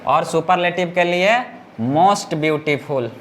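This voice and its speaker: High-voiced male teacher drilling grammar. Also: a bit bright, a little hiss or hum. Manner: repeats and drills words slowly, asks students if they understood. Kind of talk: classroom grammar lesson.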